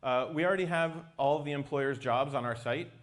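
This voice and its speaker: Guy explaining tech stuff in a presentation, medium pitched voice. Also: brisk.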